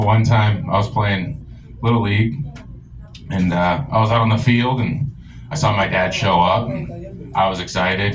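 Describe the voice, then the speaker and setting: A young man from the rural US doing a stand-up set in a comedy club, telling crude stories with a deadpan delivery. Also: on the low side, background noise. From rural United States.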